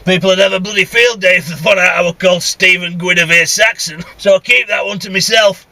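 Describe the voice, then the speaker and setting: A high-voiced man with vocal fry and a bright, forceful tone talks briskly and steadily while driving. He's a CB radio vlogger from the North of England, rambling casually and bluntly inside his vehicle, grumbling and swearing as he goes.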